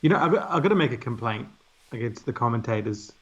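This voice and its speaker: A man's voice: mid-range voice, animated, quick pace, slightly rough. A man co-hosting a live cricket stream in casual chat, reading out viewer comments. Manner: chatty, reads out viewer comments. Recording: muffled lo-fi stream audio.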